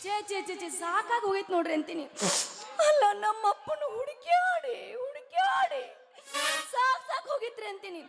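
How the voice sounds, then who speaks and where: A woman playing a sharp-tongued young college-going daughter in a live village stage comedy, with a sing-song, loud stage delivery. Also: very high voice, animated, very fast, few pauses, over music. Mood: complaining. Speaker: stage actress.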